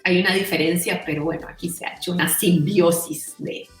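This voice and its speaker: A woman's voice: fairly low pitch, fairly even intonation, fairly quick, roomy sound, distant mic, faint music behind. A middle-aged Costa Rican woman talking as an interview guest in a chatty way, full of "o sea" and "¿verdad?". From Costa Rica. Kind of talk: casual conversational interview.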